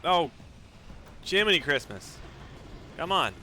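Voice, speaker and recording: Speaking slowly with a slightly high, sharp-toned voice and big pitch swings, a man narrates his own moves in live speedrun commentary, and there's a little hiss or hum. As a video game streamer and speedrunner, he repeats phrases and says mild exclamations instead of swear words.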